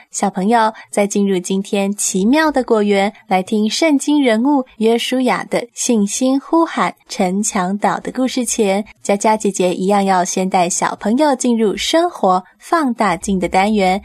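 A woman's voice: medium pitch, darkish tone, no room sound. Woman children's radio host, talking as if to little ones. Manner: explaining slowly and simply as if to small children.

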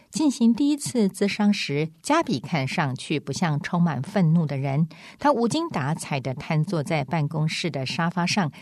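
Low-voiced woman reading calmly. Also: dry recording, clean studio sound. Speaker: narrator.

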